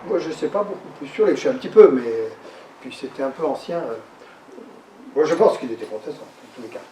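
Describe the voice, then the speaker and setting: A lecturer with a fairly high, warm voice and lively intonation speaks some way off the mic, his words echoing around the hall over a little hiss or hum. His explanations come haltingly, full of repeated words and restarted phrases.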